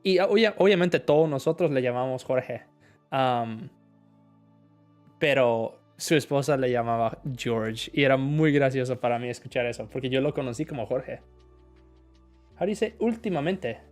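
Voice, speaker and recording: A man's voice: medium pitch, lively intonation, normal speed, darkish tone, faint music behind. A male teacher answering viewer questions in a live lesson, switching between Spanish explanations and examples. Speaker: English teacher.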